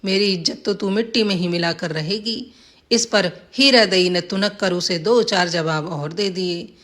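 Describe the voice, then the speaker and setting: A woman's voice: mid-range voice, a bit bright. A woman narrating a village folk tale in a plain storybook reading, lightly voicing the villagers' lines.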